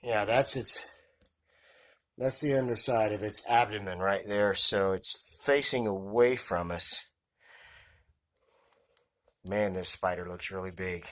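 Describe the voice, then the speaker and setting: A man's voice: fairly low pitch, slow pace, long pauses, fairly bright tone. Casting: male vlogger talking through a mask, muffled, hesitant and careful, narrating an unboxing off the cuff. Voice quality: muffled voice, mouth and nose covered by a mask. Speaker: tarantula keeper presenting an unboxing. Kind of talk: casual unboxing commentary.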